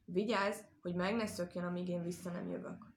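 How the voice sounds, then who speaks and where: A woman voicing an angry, scheming male fox in a storybook tale, speaking in a gruff, determined way. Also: on the low side, fairly even intonation, slight background noise, natural voice.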